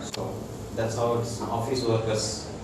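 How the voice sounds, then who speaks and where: With a medium pitch and a completely flat delivery, an Indian-accented man speaks as a doctor giving a casual wellness talk, pausing often and making sure his small audience keeps up. The very echoey room, distant microphone and heavy noise make for a rough recording.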